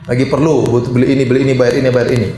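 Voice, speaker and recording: A middle-aged Indonesian man preaching to a congregation, lively and joking, his pitch jumping high to stress a point. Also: rapid-fire. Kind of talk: sermon. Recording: echoey hall.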